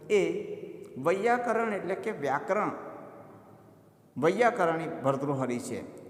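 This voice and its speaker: A man teaching a lesson to students, telling a funny story and then explaining the lesson step by step with lots of repetition. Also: on the high side. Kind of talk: classroom lesson with humorous story. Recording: echoey room with long reverb.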